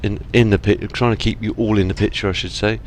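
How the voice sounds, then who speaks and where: A man's voice: fairly low pitch, steady tone, quick pace, slight background noise. A man chatting casually through a trucking game, rambling and apologizing with self-deprecating asides. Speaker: gaming channel host. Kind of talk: casual let's-play commentary. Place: home gaming setup.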